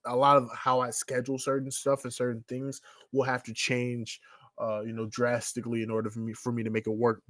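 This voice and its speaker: A twenty-something man co-hosting a podcast chats casually in a medium-pitched, fairly bright voice. The studio sound is clean with no room noise, and his talk wanders loosely, propped up by "you know what I'm saying."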